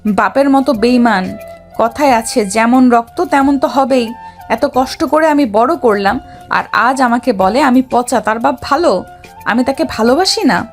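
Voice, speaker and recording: A woman's voice: high-pitched, normal speed, faint music behind. Woman voicing Tisha, bitter angry young wife. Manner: shouting, scolding, resentful. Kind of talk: Bengali audio drama acting.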